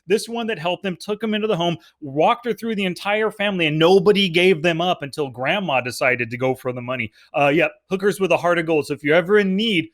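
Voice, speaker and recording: A man's voice: high-pitched, fairly quick, hardly any pauses, a bit bright. A man co-hosting a podcast, chatting easily about a movie with joking asides. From California, United States. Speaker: podcast co-host. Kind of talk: casual film review chat.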